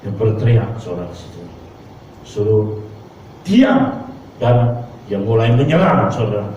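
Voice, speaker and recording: A male pastor preaching a sermon, punctuating his phrases with a repeated address to the congregation and acting out quoted voices with big pitch jumps. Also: very animated, a little slow, warm tone, a little hiss or hum. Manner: preacher's refrain of "saudara kasih Tuhan" between phrases. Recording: echoey church hall from far off, dull.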